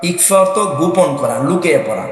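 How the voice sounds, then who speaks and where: A man teaching Quran recitation, chanting verses in long drawn-out tones between quick spoken explanations. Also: fairly high pitch, animated, very echoey, long reverb tail, faint music behind.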